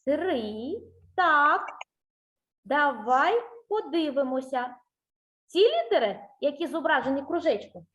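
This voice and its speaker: A woman teaching a child in a one-on-one speech lesson. Her voice sits high, and she talks slowly and deliberately. She is patient and encouraging, asks question after question, and sings out vowel sounds clearly to show them. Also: animated, a bit bright.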